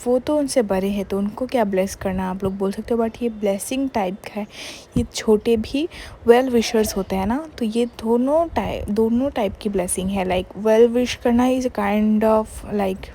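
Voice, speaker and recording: Woman, young adult, casual vlog narration, warm mellow voice, faint background noise. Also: medium pitch, measured pace. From Bengal, India. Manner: chatty, mixes in English words, many "matlab" fillers. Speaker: vlogger.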